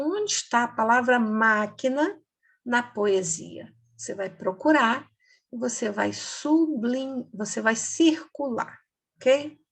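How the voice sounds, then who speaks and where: A woman teacher giving a slow, patient recorded reading lesson for children, repeating words and checking in with "ok?". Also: a little high, creaky, fairly bright tone.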